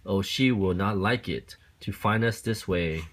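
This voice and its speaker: A man's voice: low-pitched, a little slow, a little hiss or hum, voice pushed down. A man acts out a little storybook fish full of worry. It frets and scolds, exclaiming its warnings with nervous insistence. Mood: panicked. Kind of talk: children's picture-book read-aloud.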